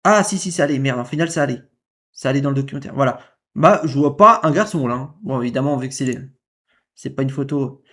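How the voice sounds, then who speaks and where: A man's voice: medium pitch, lively intonation, fast talker, a bit bright. A man reacting to a clip in casual commentary, indignant and repetitive, firing rhetorical questions. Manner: indignant, repeats himself, fires rhetorical questions.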